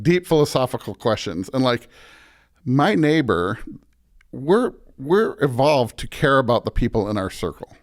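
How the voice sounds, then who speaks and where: Speaking at a medium pitch, a man who is a pastor reflects casually as a podcast guest, often starting his sentences over with a loose, self-deprecating style.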